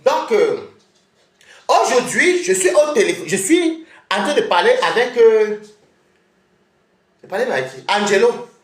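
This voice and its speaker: Female streamer, confrontational and mocking, very lively delivery, roomy echo. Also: fairly high pitch, measured pace, long pauses. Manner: confrontational, scolding, laughs mockingly. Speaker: live streamer. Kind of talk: heated live-stream rant. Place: at home.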